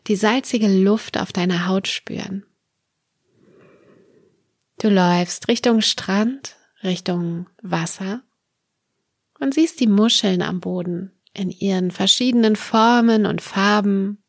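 A woman narrates a guided meditation at a slow, unhurried pace, placing short soothing phrases between pauses. Her mid-pitched voice has a creaky edge and gentle delivery, recorded dry and close without room sound. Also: dry recording. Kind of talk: guided meditation, a calm narrated dream journey.

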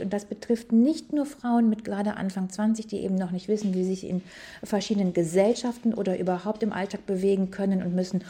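Woman, podcast host and etiquette coach; mellow tone, emphatic and animated. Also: mid-range voice. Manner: animated, emphatic, switches between slow stress and fast asides. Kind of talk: casual podcast monologue.

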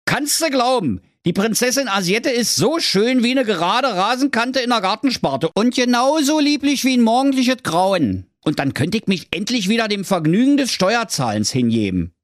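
Shrill high sausage king, bossy, blustering, fat and small, storybook figure. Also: big pitch swings, moderate pace, few pauses, no room sound, clean studio sound.

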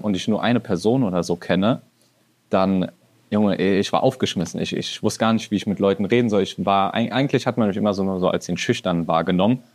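A man in his twenties co-hosting a podcast, talking in a relaxed, colloquial way. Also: fairly low pitch. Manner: relaxed, colloquial, often says "Junge". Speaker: podcast co-host. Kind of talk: casual podcast chat.

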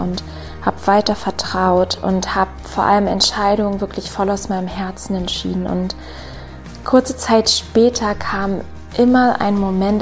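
Softly spoken woman guiding meditation, slow and even. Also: medium pitch. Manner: soft, soothing, breathy delivery. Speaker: meditation guide. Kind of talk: guided meditation with personal introduction. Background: background music.

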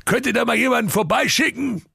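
A man voicing a bumbling, hungry male ogre in a storybook tale, pitched high and shouting in a whiny, frantic way. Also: fast, gravelly, husky, dry recording, clean studio sound, full character voice. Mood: puzzled.

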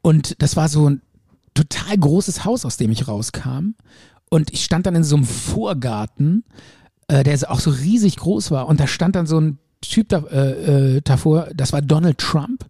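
A man's voice: fairly high pitch, normal speed, husky, no room sound, studio quality. A man casually telling a long story on a podcast, rambling and acting out the quotes. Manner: animated, rambling, acts out quotes. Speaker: podcast co-host.

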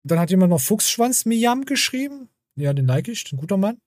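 A man's voice: high-pitched, very animated, moderate pace, a little mellow, no room sound, studio quality. A man hosting a podcast, chatting casually with a crude, sarcastic manner. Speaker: podcast host.

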